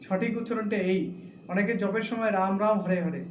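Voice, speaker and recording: High-voiced man giving a devotional talk. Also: fairly even intonation, roomy sound, a little hiss or hum, poor audio. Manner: slow, deliberate, chants the mantra aloud. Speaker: devotional speaker.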